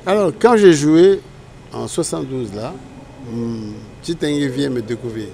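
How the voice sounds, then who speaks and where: A man's voice: mid-range voice, animated, unhurried, vocal fry, mellow. An older man from Congo, a guest in an interview, telling his story in a rambling way and often correcting himself. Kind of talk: casual interview recollection.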